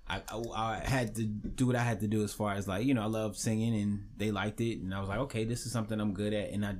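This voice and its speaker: A man's voice: on the low side, fairly even intonation, fast, darkish tone. A man from Savannah, Georgia, a singer-songwriter and podcast guest, telling his story in a laid-back, candid way with frequent "you know". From Savannah, Georgia, USA. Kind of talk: casual podcast interview.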